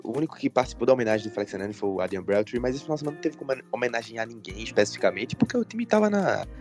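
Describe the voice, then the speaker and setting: Northeast guy chatting sports on a podcast, talks fast, normal pitch, faint music. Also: big pitch swings, a little mellow. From Recife, Brazil. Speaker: podcast co-host. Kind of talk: casual sports chat.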